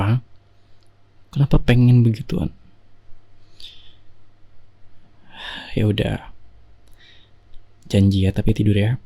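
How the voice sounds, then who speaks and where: A man in whispered role-play as an affectionate husband, talking softly and teasingly to his sleepy wife on a binaural mic. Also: fairly low pitch. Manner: soft, intimate, teasing. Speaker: ASMR performer.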